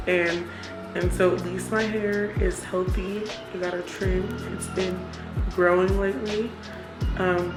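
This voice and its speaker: A woman vlogger chatting casually and confessionally, candid and reflective, talking herself into encouragement. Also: mid-range voice. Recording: roomy echo with music behind.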